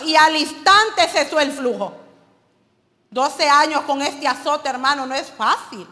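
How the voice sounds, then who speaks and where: A woman's voice: high voice, bright, forceful tone, in a large hall. A woman preacher delivering an emphatic sermon and calling her listeners brothers.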